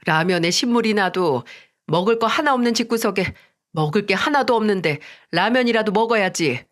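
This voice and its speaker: A woman putting on an injured husband in a radio story, bitter and indignant toward his wife. The voice drops lower than her own and lashes out with hurt anger. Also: expressive, moderate pace, close to an everyday voice. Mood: bitter furious. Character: injured, furious husband on crutches. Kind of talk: Korean radio story drama.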